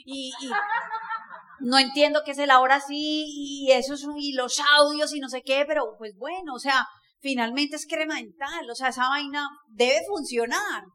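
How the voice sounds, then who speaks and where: A woman, giving an energetic, emphatic motivational talk to a live audience, often laughing and working the crowd. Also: sits high. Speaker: motivational speaker.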